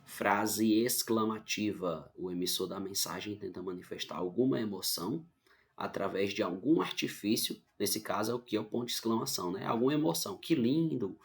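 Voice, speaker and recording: A man's voice: on the low side, brisk, creaky. A male teacher with a Brazilian accent giving an online grammar lesson, explaining patiently and often checking in with his students. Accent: Brazilian Portuguese.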